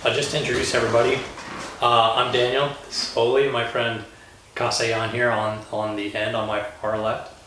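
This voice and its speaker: A man from Colorado, a lawyer, hosting a relaxed panel chat, talking with many fillers and pauses. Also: medium pitch, background noise. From Colorado, USA. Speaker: host, lawyer. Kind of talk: casual panel conversation. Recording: roomy echo, distant mic.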